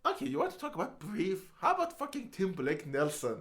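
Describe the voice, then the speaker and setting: Animated man chatting about films. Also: high-pitched, a little fast, vocal fry. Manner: animated, swearing, laughs often. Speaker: podcast co-host. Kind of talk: casual film chat.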